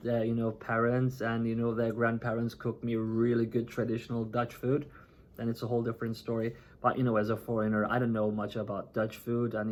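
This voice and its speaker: A chatty man from Turkey, past thirty, talking straight to his viewers in a casual vlog. His voice sits at an ordinary middle pitch, and he keeps tossing in "right?" and "you know" as he goes. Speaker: vlogger. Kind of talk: casual talk to camera.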